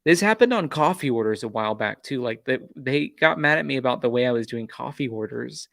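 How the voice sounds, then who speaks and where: A man with a gravelly, fry-touched voice talks casually to his livestream audience. His story rambles and restarts, with an exasperated tone. The close mic gives a dry, flat sound. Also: medium pitch, a little fast, no room sound. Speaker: YouTube true-crime channel host.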